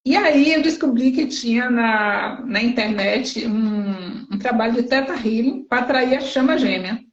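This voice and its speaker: A woman host telling a story in a calm, unhurried way during a casual, spiritual chat. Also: on the high side. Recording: roomy, slightly dull sound.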